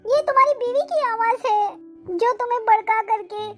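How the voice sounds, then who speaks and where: Woman as cartoon mother-in-law: very high, shrill, melodramatic complainer. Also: expressive, moderate pace, music in the background. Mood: aggrieved. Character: scolding, self-pitying old mother-in-law. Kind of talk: cartoon family drama voice acting.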